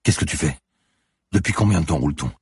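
Picture a frightened young amnesiac woman who keeps asking anxious questions, voiced by a male reader. The voice is still deep and gravelly, because the reader only raises his own very low tone. The sound is close and dry, in a storybook reading. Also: animated, fast talker, a little mellow, no echo, heavily acted. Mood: uneasy. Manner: anxious, rising to alarmed cries.

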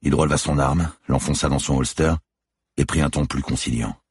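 Very deep husky male narrator. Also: steady tone, a little mellow, no room sound, studio quality. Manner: measured, suspenseful, deliberate phrasing. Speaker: audiobook narrator. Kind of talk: scripted narration.

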